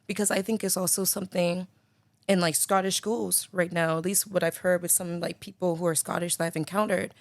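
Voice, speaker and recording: A woman's voice: fairly low pitch, level tone, brisk, no echo. A woman from the Bahamas with a Bahamian accent, a podcast guest talking in a casual, reflective way and leaning on lots of "like.". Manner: reflective, filler-heavy speech full of "like". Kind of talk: casual conversation. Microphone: studio mic with headphones.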